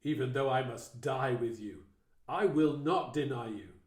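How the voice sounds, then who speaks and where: A man's voice: mid-range voice, unhurried, a little mellow, close to an everyday voice. A man voicing Peter as an earnest, devoted male disciple in a dramatised Bible reading, protesting with insistence. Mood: insistent. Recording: echoey room with faint music.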